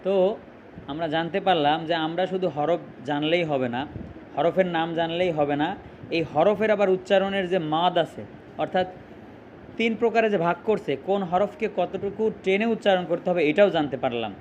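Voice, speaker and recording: A man with a high voice leads a Quran reading class, slowly drawing out each letter. He keeps asking his listeners questions and then answers them himself, over faint background noise. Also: darkish tone, lo-fi sound. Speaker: Quran teacher. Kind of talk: online Quran lesson.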